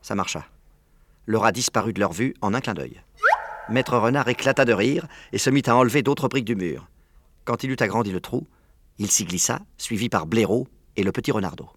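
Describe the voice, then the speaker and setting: A man narrating a children's story aloud in a clear, measured way. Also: lowish voice, expressive, dry recording, clean studio sound. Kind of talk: audiobook narration.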